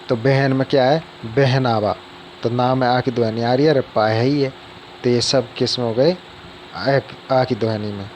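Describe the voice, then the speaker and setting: A man's voice: medium pitch, darkish tone, a little hiss or hum. A man giving a casual spoken Hindi grammar lesson, explaining step by step and often asking the viewer questions.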